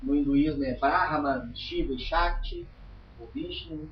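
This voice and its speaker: A man's voice: a little high, a little slow, far from the mic, slight background noise. Chatty man teaching a study group. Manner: chatty, emphatic, tags lines with "tá?". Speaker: spiritualist teacher. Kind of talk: informal study-group lecture. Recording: roomy, dull lo-fi room recording.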